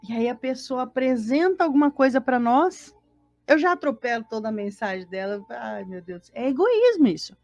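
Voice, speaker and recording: A woman's voice: high voice, big pitch swings, normal speed, a little mellow, no echo, muffled recording, faint music behind. A Brazilian woman co-hosting a spiritist gospel study from home, teaching in a conversational way, asking the listeners rhetorical questions and acting out little everyday scenes. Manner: acts out everyday voices and sighs of dismay. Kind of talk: informal spiritual teaching talk on a live stream.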